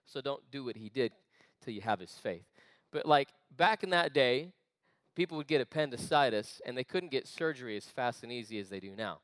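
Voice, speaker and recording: A man preaching an energetic sermon to a youth group, chatty and full of asides. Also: medium pitch, no room sound. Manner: animated, conversational preaching with quick asides. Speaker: youth pastor. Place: church meeting room.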